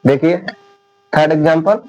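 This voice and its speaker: A man teaching an English lesson, talking slowly and deliberately and repeating each point. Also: a little high, a little mellow, rough recording. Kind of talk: classroom lecture.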